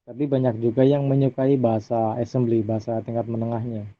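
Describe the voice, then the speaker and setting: A man giving a relaxed recorded lecture over slides, often tagging his sentences with a questioning "ya". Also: medium pitch, brisk. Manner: relaxed, adds tag "ya" often. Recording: dry, phone-like audio.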